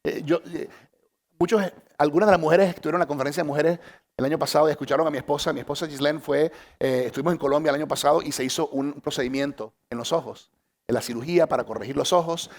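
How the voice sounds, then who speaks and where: A man preaching a sermon in an animated, chatty way, often repeating phrases to drive his points home. His voice sits a little high for a man and has a gravelly edge. He swings between bursts of energy and quiet, slow emphasis. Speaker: pastor. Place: church stage.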